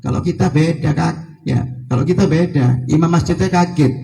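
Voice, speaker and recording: A man's voice: fairly high pitch, normal speed, creaky, dark tone, poor audio. A man from East Java giving a religious sermon, telling stories to his audience and voicing the people in them. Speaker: preacher.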